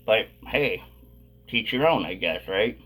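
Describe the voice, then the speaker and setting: A man's voice: on the low side, lively intonation, takes it slowly, a bit bright. A man hosting a casual vlog, talking with a dip of chewing tobacco tucked in his lip. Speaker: video host.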